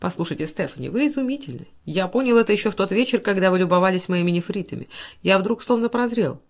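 A woman voicing a wealthy middle-aged man who speaks softly and admiringly to a young woman. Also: medium pitch, expressive, fast talker.

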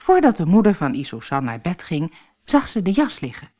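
A woman from the Netherlands reading a children's fairy tale aloud with expressive storytelling. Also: lowish voice, normal speed. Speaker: narrator.

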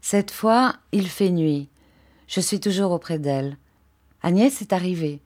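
A woman narrating an audiobook of a classic novel in a measured, mournful way. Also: fairly low pitch, animated, a little mellow. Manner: slow, measured and mournful reading. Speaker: audiobook reader.

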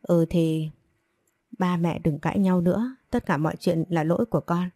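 A woman reads as a remorseful young daughter in an audio story, pleading and apologetic. The low, mellow voice sounds dry and close. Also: fairly even intonation, normal speed, no room sound.

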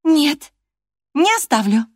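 A woman reading an audiobook voices a proud, stubborn young woman who talks in a high, insistent, pleading way. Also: very animated, slow pace, no echo, studio quality, full character voice. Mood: indignant.

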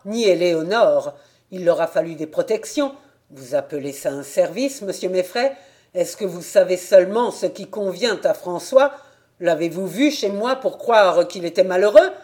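A woman's voice: fairly low pitch, lively intonation, measured pace, dark tone. A woman reading the part of a proud, tall old peasant farmer and father who speaks earnestly and solemnly. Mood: pleading.

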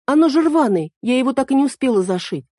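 A woman's voice: sits high, lively intonation, mellow, no echo, clean studio sound, pitched above the performer's own voice. Woman doing a chattering young girl fairy. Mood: flustered. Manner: quick, fussy and earnest.

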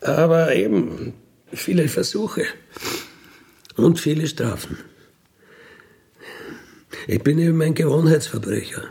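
This career criminal, a fifty-one-year-old Austrian-accented man, shares his life story unscripted, in a colloquial and matter-of-fact manner with frequent questioning tags. His voice is fairly high, animated and creaky with a dark tone, and he speaks slowly, pausing often.

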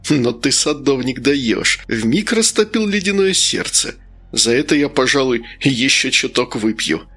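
A man's voice: medium pitch, animated, a little slow, fairly bright tone, breathy edge. A man voicing a grumbling, sarcastic bearded man in an audiobook reading. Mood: sardonic.

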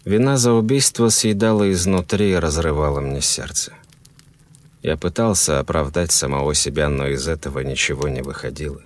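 A man narrating a grim first-person horror story in a grave, measured way. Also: a bass voice, steady tone.

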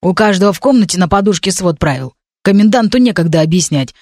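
A woman voicing a gruff, grumbling male goblin doorkeeper in an audiobook, curt and growling. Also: fairly low pitch, lively intonation, fast, darkish tone, no room sound, clean studio sound.

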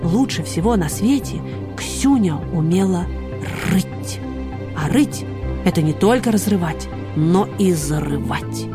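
Lively woman storyteller. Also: on the low side, measured pace, music in the background. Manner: lively, expressive. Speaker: narrator. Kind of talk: storybook narration.

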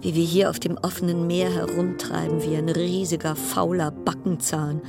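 An actress voices a wry, anxious, weary passenger stuck at sea on a plague-stricken cruise ship in this radio drama, recounting events in fragmented, literary sentences with a confiding, uneasy mood. Her fairly low voice has vocal fry and little pitch movement at a moderate pace, set against loud music.

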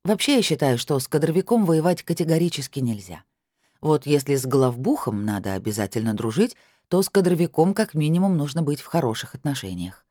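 A reader narrating a first-person audiobook in a calm, measured and dryly ironic way. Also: medium pitch, dry recording, studio quality.

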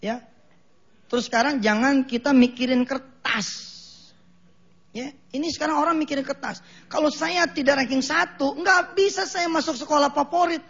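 A middle-aged Indonesian man with a Jakarta Betawi accent giving a lively, joking sermon in a mosque, acting out the voices of the people in his stories. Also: very high-pitched, normal speed. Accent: Betawi-flavored Jakarta Indonesian. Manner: lively, jokey, acts out quoted voices, laughs at own jokes. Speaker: preacher. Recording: dull lo-fi broadcast recording.

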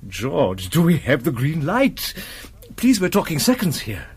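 An actor playing a brisk, eager intelligence field operative, urgent and informal, in a screen drama. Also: male voice, a little high, wildly swooping pitch, husky, full character voice. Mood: urgent, pressing.

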